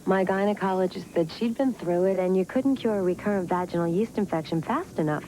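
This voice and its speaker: A woman's voice: medium pitch, fairly quick, mellow, soft background music, poor audio. A woman speaking in a scripted testimonial commercial, heard off an old VHS tape, with an earnest, confiding delivery. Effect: old VHS tape recording. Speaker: commercial spokeswoman.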